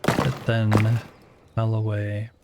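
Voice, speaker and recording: A man from the United States talks slowly and unhurriedly, thinking aloud while he builds in a game. His voice has a gravelly, fried edge. A steady hiss of noise sits under the recording. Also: fairly low pitch. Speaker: streamer. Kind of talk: casual game-building stream chat.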